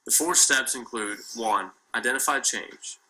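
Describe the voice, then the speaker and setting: A young man from Kentucky, a student reading a formal class presentation in a steady manner. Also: mid-range voice, a little slow, a little hiss or hum, poor audio.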